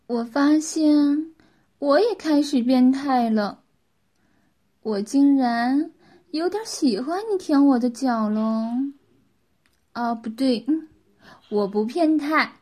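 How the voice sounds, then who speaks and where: A woman's voice: sits high, slow pace, long pauses, darkish tone. A woman voicing a bossy, playful young wife who teases and gives orders in a story reading. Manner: teasing, commanding.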